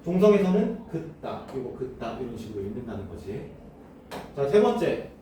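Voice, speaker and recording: Guy teaching a class, lively up and down voice, sounds far off in a boomy room. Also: normal speed, very echoey, slight background noise. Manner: asks students questions and answers them himself. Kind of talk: classroom lecture.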